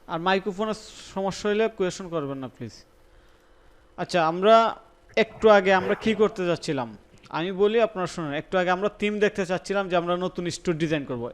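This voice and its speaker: Young man, Sylheti-tinged Bangla accent, online class instructor, somewhat high voice, repeats himself. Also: smooth. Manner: thinks aloud, repeats words, checks understanding often. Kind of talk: live online class, teaching while browsing.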